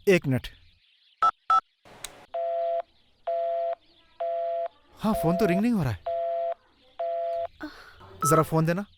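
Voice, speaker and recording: A man's voice: fairly high pitch, lively intonation, normal speed, natural voice. A man dubbing an anxious young husband in a film, polite and stammering with fillers. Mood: worried. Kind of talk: Hindi film dub. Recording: film soundtrack with music.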